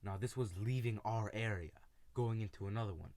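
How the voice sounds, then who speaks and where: Low-voiced man telling a story casually. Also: a little mellow, no echo. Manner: casual, halting, with many fillers and restarts; retells friends' lines in his own voice. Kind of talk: personal storytelling.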